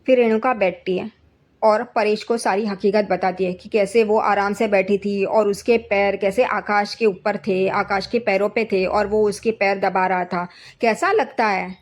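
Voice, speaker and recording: A woman's voice: steady tone, moderate pace, darkish tone. A woman casually narrating an episode recap in a conversational way. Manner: conversational, reads characters' quotes with slightly raised pitch. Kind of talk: casual spoken retelling of a TV serial episode.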